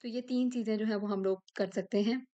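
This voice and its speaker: A woman's voice: a little high, steady tone, warm tone, lo-fi sound. A woman teaching a German lesson, explaining step by step and checking in with the listener often. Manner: slow, explains step by step, ends phrases with "ठीक है?". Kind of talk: language lesson explaining textbook.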